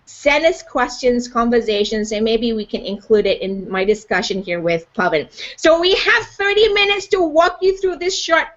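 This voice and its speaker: Over a video call with dull, lo-fi audio, a Malaysian woman hosts a live online show in an upbeat, chatty way, dropping plenty of "you know" fillers. Her fairly bright voice sits high, swinging widely in pitch, at a normal pace with few pauses.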